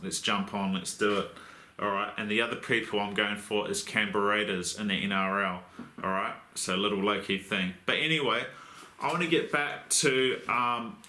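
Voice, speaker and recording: A young Australian crane rigger who hosts a channel presents a casual how-to vlog on crane rigging, lisping because of new braces. He jokes, swears and rambles in a blokey way. His voice is fairly low, pushed and bright, and the recording sounds roomy.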